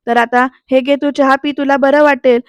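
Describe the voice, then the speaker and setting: A husband from a TV serial who fusses over his mother and reasons with her, read by a woman recapping the episode. He speaks slowly and patiently. The voice stays high and dry. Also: level tone, no room sound, muffled recording. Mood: reasoning. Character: man, a husband defending his mother and wife.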